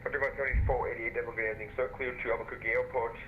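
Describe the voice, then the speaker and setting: A man working as an air traffic controller, giving procedural clearances in clipped phraseology, heard over a pilot headset radio. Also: medium pitch, flat delivery. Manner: brisk, procedural. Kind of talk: clipped radio phraseology on an online flight simulation network. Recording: muffled radio channel with faint noise.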